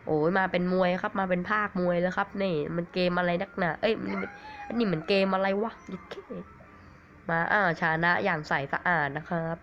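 Excitable man with a cold, lo-fi. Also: high-pitched, brisk. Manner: rambling, excitable, swears at the game. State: has a cold. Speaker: mobile game caster. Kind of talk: excitable gameplay commentary. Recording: dull lo-fi recording with faint hiss.

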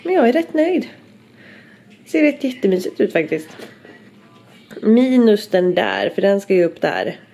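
A woman's voice: mid-range voice, lively intonation, long pauses, mellow, echoey room. A young woman from Sweden chatting casually in a vlog at home, bubbly and rambling. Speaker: vlogger.

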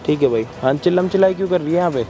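A man with a high voice and rapid delivery scolds roughly in an outdoor park, throwing in curses as he talks. Music is clearly audible behind him. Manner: rough, scolding, swears freely. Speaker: host stepping in as a bystander. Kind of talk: staged social drama.

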